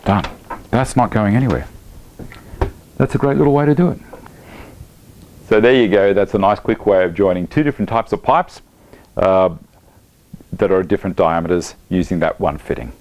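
This fifty-something Australian woodworking host has a fairly low voice and speaks at normal speed, pausing often. He demonstrates a job in his home workshop on a lapel mic, chatting in a relaxed way full of laughter and Aussie slang.

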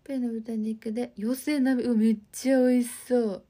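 A woman's voice: fairly high pitch, fairly even intonation, fairly quick, warm tone. A woman in her twenties with an Osaka accent, hosting a livestream and chatting friendly with viewers while reading their comments. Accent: Osaka dialect. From Osaka, Japan. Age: 20s. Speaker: livestream host.

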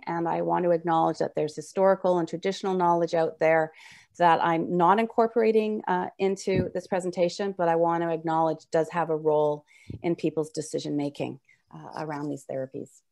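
A middle-aged woman giving an informal webinar lecture as a nurse, with slightly slurred, slushy s sounds from braces. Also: lowish voice. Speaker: registered nurse presenting a health webinar. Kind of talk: informal lecture over slides. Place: indoor room, video call.

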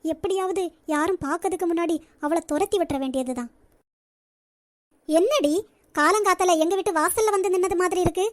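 A woman voicing a haughty, sharp-tongued rich young woman in a cartoon, speaking with a Nagercoil Tamil accent in a scornful, bossy way. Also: very high voice, a little fast, no echo. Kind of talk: cartoon voice acting.

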